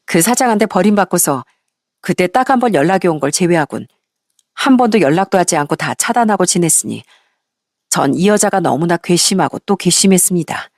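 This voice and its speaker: A woman narrating a first-person story in a steady, even storytelling manner. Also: on the low side, brisk, no room sound, studio quality.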